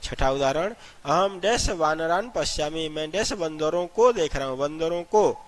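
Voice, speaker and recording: Higher-voiced man teaching a grammar lesson. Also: lively intonation, measured pace. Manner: explains in Hindi, recites long lists of number words; addresses students as children. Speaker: Sanskrit teacher. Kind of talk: classroom-style grammar lesson.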